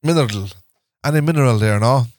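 A man's voice: mid-range voice, expressive, fast, dry recording, clean studio sound. An Irish man co-hosting a podcast in casual comedic chat, laughing often and putting on a mock newsreader voice. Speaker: podcast co-host.

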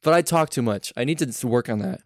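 A man's voice: medium pitch, quick pace. A young man co-hosting a casual podcast chat, rambling enthusiastically about collectibles and laughing at himself. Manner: rambling, enthusiastic, self-deprecating, laughs often. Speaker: podcast co-host.

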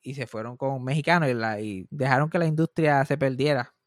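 Man, puerto rican accent, podcast host, casual storytelling, swears a lot, many restarts, middle pitch, dry close sound. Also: fairly quick, no room sound. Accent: Puerto Rican Spanish. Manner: rambling and profane, with frequent restarts.

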